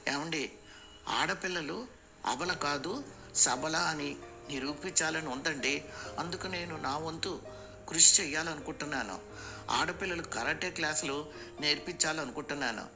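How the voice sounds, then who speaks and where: A man's voice: fairly high pitch, measured pace, pauses often, music in the background. A man voicing a sweet but firm young bride. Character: young bride, polite but fierce karate expert.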